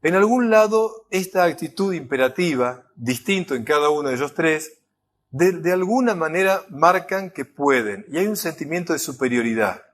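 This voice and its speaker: Animated Rioplatense man lecturing. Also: a little high, normal speed. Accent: Rioplatense Spanish. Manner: animated, conversational, constantly checking in with the audience. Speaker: enneagram lecturer. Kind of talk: recorded lecture.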